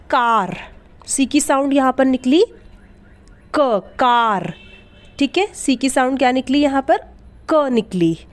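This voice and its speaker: Slow, patient woman teaching phonics. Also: sits high, a little mellow. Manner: slow and deliberate, spelling words out, asking and answering her own questions. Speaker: English teacher. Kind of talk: phonics lesson.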